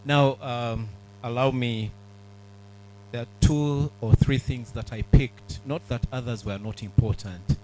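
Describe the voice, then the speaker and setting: A man's voice: mid-range voice, steady tone, dark tone, a little hiss or hum, poor audio. Earnest man giving a speech. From Uganda. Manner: earnest, measured, with fillers. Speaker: speaker at a book launch. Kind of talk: public speech to an audience.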